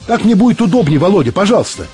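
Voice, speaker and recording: A man reading an audiobook, voicing a gentle older man who pleads softly in a trembling, raised voice. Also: high-pitched, sing-song, rapid-fire, faint music behind, pitched above the performer's own voice.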